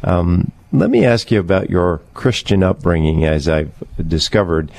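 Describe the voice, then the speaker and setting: A man hosting a radio interview in a studio, talking in a measured way with many fillers. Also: sits low, animated, vocal fry, a little mellow, dry recording. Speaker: radio show host.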